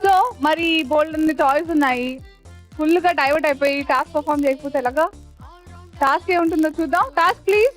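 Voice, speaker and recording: A woman's voice: high voice, fairly even intonation, quick pace. A woman hosting a children's game show, cheery and coaxing, mixing English into her talk. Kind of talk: bubbly show hosting, Telugu mixed with English. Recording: music playing behind.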